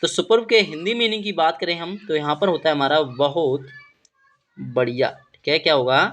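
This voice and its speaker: A man giving a spoken vocabulary lesson, spelling each English word letter by letter and repeating its meaning in Hindi with a steady "okay". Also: a little high, moderate pace. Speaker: English teacher.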